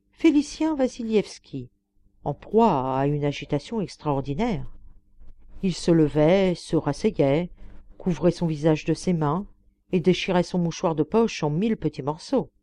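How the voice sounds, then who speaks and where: A woman reading a novel aloud as an audiobook narrator, in a steady, measured storytelling manner. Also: deep voice. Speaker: audiobook reader.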